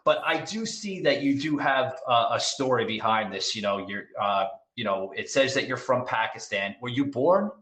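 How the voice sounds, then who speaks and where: A man's voice: mid-range voice, lively intonation, moderate pace, hardly any pauses, a bit bright. A man hosting a podcast in casual interview chat, talking hesitantly with fillers and restarts. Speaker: podcast host. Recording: echoey room.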